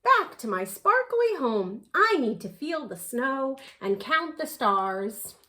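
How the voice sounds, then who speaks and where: A woman voicing a gentle, eager little male owl in a storybook, earnest and childlike. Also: sits high, very animated, takes it slowly, full character voice.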